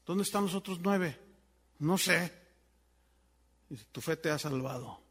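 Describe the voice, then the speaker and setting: A man's voice: a little slow, husky, long reverb tail. A man preaching a sermon, telling a story and acting out the voices of the people in it. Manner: animated storyteller acting out voices, wide swings in pitch and volume. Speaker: pastor.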